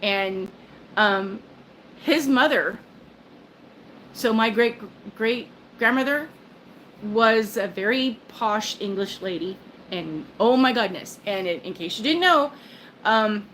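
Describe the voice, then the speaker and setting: A woman's voice: mid-range voice, animated, takes it slowly, pauses often, fairly bright tone, slight background noise, poor audio. Chatty older woman rambling on a livestream. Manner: rambling, chatty, self-interrupting with fillers and laughs. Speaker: livestream host. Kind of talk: casual chat. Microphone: phone.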